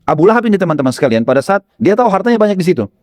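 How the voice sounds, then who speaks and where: A male preacher tells a story with lively, animated delivery and a slightly high voice. He often turns to his listeners with friendly asides and tag fillers. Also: rapid-fire. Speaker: Islamic preacher. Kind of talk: storytelling sermon.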